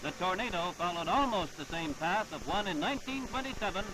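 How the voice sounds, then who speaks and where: High-voiced man narrating an old newsreel. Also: expressive, fairly quick, background noise. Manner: formal, dramatic announcer delivery. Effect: old archival newsreel sound. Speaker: newsreel announcer. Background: music under the narration.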